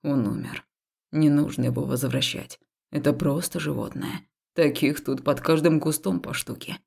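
A woman's voice: low-pitched, steady tone, moderate pace, gravelly, darkish tone, slightly rough, voice pushed down, heavily acted. A woman doing a cool, indifferent male necromancer. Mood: aloof, calm. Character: calm aloof male necromancer, young man. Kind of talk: audiobook character voice.

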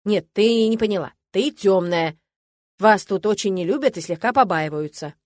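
A woman reading the lines of a cocky young male mage in a fantasy audiobook, calm and teasing. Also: medium pitch, moderate pace, dry recording, lightly acted. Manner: easygoing, unruffled.

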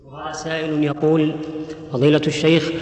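A man reading listeners' questions aloud to a scholar, quick and slightly hesitant. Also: on the high side, monotone, a little mellow. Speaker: reader of questions. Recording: echoey hall with long reverb.

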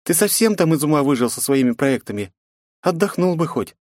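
A man's voice: fairly high pitch, expressive, brisk, darkish tone, dry recording, clean studio sound, voice pushed up, close to an everyday voice. A man voicing a defiant, sarcastic eighteen-year-old princess in an audiobook, with cheeky, mocking retorts. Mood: scornful.

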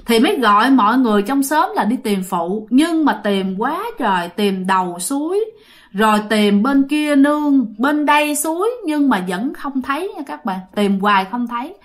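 A woman's voice: a little high, expressive, normal speed. A woman retelling a ghost story in a chatty way, often addressing her listeners directly.

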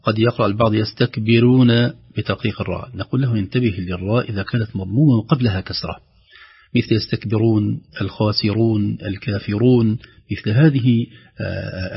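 Patient male recitation teacher with a husky, gravelly voice; slow recited examples; lo-fi broadcast sound. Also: fairly low pitch. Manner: patient, explanatory, recites example words slowly. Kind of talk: explaining tajweed on a call-in program.

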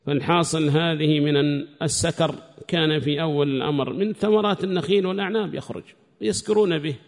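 A man's voice: fairly high pitch, big-room sound. A man giving a scripture commentary lesson, explaining at length and repeating key phrases as he reasons aloud. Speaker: religious teacher.

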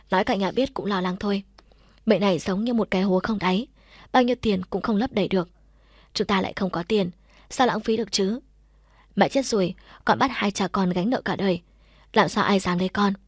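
A woman's voice: medium pitch, slightly rough, dry recording, studio quality, close to an everyday voice. Woman voicing a weak, tender old mother. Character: gravely ill older mother, tender and weak.

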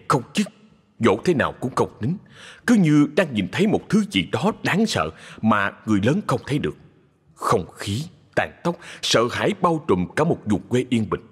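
A man narrating a ghost story in a dramatic scripted style, slowing for suspense. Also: on the low side. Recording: husky voice in long reverb with music.

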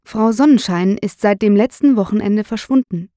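A woman's voice: medium pitch, moderate pace, warm tone, no room sound, clean studio sound, natural voice. Brief: female narrator voicing a firm middle-aged detective, probing, crime audiobook. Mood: stern. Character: stern middle-aged male police detective.

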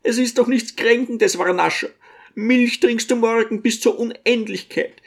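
A man reading an audiobook and voicing a fussy, pious, tearful old mother in a high, pleading voice. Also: a little slow, gravelly, exaggerated voice. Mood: fretting. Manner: pleading, fretful, high-pitched. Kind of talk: audiobook character voice.

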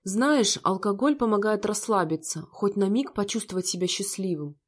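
A woman's voice: medium pitch, normal speed, lightly acted. A woman voicing a cold, bitter rich young man who talks in a harsh, scornful way.

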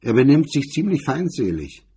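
Brief: an unflustered hard man, curt and cold, husky dark voice, a man voicing him. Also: mid-range voice, moderate pace, voice pushed up. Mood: matter-of-fact. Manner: calm, curt, clipped. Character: cool, cold-spoken male gangster.

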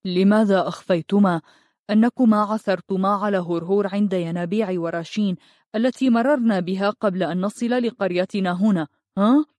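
A woman's voice: medium pitch, fairly quick, darkish tone, no echo, clean studio sound, natural voice. A woman voicing a tall, dignified young village man who speaks firmly and reproachfully. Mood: questioning.

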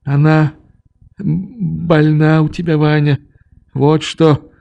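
A man's voice: on the high side, level tone, takes it slowly, gravelly, warm tone, dull audio, pitched above the performer's own voice. A man doing a hurt, weary old man. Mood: wounded.

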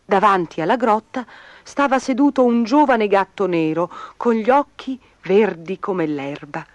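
A woman's voice: medium pitch, a little slow, no echo, muffled recording. A woman narrating a children's fairy tale expressively, in a storybook reading style. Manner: expressive, lively.

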